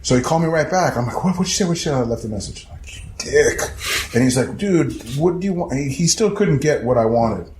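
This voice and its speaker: Man, middle pitch, casual storytelling, animated and profane, mimics other voices; echoey room, faint ambience. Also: brisk, a little hiss or hum. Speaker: guest storyteller. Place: house interior.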